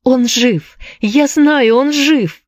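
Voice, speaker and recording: A woman's voice: mid-range voice, expressive, normal speed, warm tone, dry recording, clean studio sound, pitched above the performer's own voice, natural voice. A woman reading a story aloud, voicing a desperate young woman in love who pleads in a tearful, breathless way.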